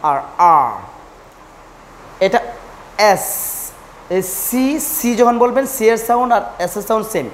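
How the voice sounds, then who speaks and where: A woman's voice: mid-range voice, a little hiss or hum. A woman teaching English pronunciation, repeating each letter sound and correcting common mistakes. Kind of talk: pronunciation lesson, drilling letters.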